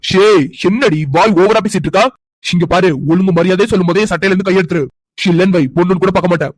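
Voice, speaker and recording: A man's voice: sits high, steady tone, quick pace, no echo, poor audio. A man voicing a brash young man who teases and argues but has a kind side. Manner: brash and teasing.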